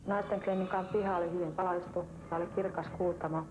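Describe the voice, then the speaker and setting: A woman giving a calm, plain first-person account of an experience for a documentary. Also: on the low side, low-quality recording. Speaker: woman recounting an abduction experience. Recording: voice with music playing behind.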